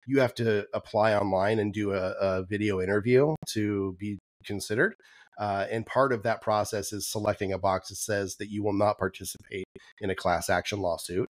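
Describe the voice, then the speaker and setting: A man with a fairly low voice talks casually as a podcast co-host, full of ums and restarts. His voice is wearing thin and hoarse. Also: fairly even intonation, normal speed, no echo. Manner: conversational, frequent ums and restarts. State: losing his voice. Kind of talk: casual chat.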